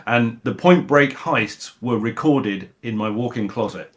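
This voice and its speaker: A man's voice: mid-range voice, a little slow. A middle-aged man who grew up in Scotland, a voice actor chatting casually in an interview, rambling with many fillers and restarts. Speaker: voice actor guest.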